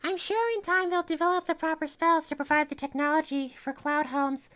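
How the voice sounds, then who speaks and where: A bookish young unicorn princess, as a man puts her on in a read-aloud pony story. Pitched high into falsetto, she sounds earnest and worn out. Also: fairly quick, a bit bright. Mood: weary.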